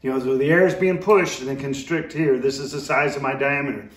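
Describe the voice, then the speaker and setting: A middle-aged man who instructs goose calling gives a casual demonstration in an indoor room with a brick fireplace. His medium-pitched voice is steady and brisk, and the recording is roomy and echoey, picked up by a distant microphone.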